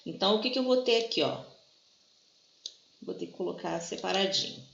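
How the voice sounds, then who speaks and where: A woman teacher with a gravelly, low-leaning voice speaks briskly and with animation, patiently explaining a grammar lesson while often asking "tá?" to check students follow. The recording sounds dull and lo-fi in an echoey room.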